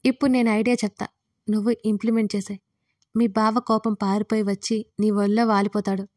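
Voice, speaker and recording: A woman voicing a mischievous young female friend who teases and chatters excitedly. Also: a little high, moderate pace, dry recording, studio quality, lightly acted. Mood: teasing.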